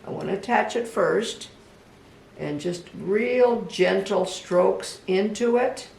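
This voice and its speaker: A craft instructor giving a casual step-by-step demonstration, talking gently and unhurriedly, even chatting to the project. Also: medium pitch, takes it slowly, creaky. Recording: echoey room, voice from a distance, faint background hum.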